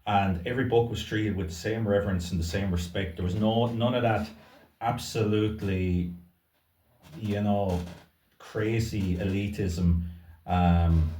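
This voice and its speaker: A man with an Irish accent, a bookseller co-hosting a casual book chat, talking thoughtfully with pauses and easy laughs. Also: fairly low pitch, steady tone, dark tone, slight background noise. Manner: thoughtful, hesitant, laughs easily. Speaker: bookseller, co-host. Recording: roomy sound, distant mic.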